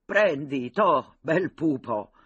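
A man's voice: high-pitched, very animated, measured pace, a bit bright, breathy edge, no echo, lo-fi sound, pitched above the performer's own voice, full character voice. A man voicing a jeering boy fighter. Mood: taunting. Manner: taunting, jeering. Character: mocking scrappy boy fighter.

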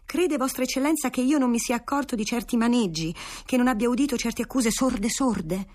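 A bitter young prince full of resentment, put on by a woman reading aloud. He speaks higher and more forcefully than the narration, indignant, with a husky edge to the voice. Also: fairly quick, close to an everyday voice.

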